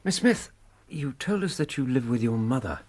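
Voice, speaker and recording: Man acting loyal British gentleman doctor, radio drama, husky, animated intonation, earnest, plain-spoken, easily affronted. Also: medium pitch, moderate pace, lightly acted. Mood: kindly, polite.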